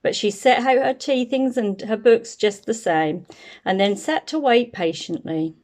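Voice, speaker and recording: A woman with a fairly high-pitched voice gives an expressive, carefully paced reading of a children's picture book.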